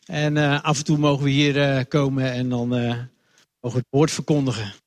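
A man's voice: mid-range voice, little pitch movement, fairly quick. A Dutch man, a lay preacher, giving a friendly, chatty children's sermon in a church hall and talking directly to the kids while moving around with a wireless microphone. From Netherlands.

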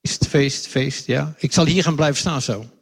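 A man's voice: on the high side, moderate pace, creaky, breathy edge. A Dutch man, a lay preacher, giving a friendly, chatty children's sermon in a church hall and talking directly to the kids while moving around with a wireless microphone. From Netherlands.

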